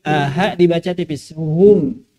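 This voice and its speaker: A man's voice: fairly high pitch, normal speed, warm tone. A man teaching Quran recitation in a mosque, drawing out phrases and patiently correcting pronunciation. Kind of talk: tajweed lesson with recitation.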